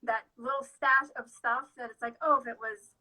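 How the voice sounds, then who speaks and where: A woman's voice: high voice, steady tone, moderate pace, sharp tone, poor audio. A woman hosting a casual chat in her shop, speaking enthusiastically with many fillers. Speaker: shop owner and host.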